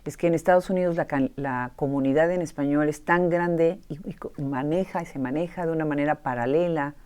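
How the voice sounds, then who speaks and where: A woman's voice: low-pitched, brisk, darkish tone. A woman hosting a podcast interview in person at a university, welcoming and enthusiastic with her guest. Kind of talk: casual interview conversation.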